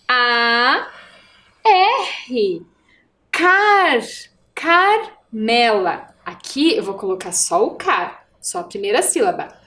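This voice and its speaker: A woman's voice: on the high side, a bit bright. A woman teacher with a Brazilian Portuguese accent, giving a video lesson to first graders and stretching out syllables in a sing-song way. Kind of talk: video lesson for young children.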